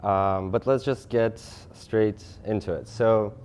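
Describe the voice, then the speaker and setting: A man in his thirties from Russia giving a lecture presentation, talking fast, with frequent restarts and fillers. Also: lowish voice, fairly even intonation, a little mellow, slight background noise. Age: 30s. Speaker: guest speaker.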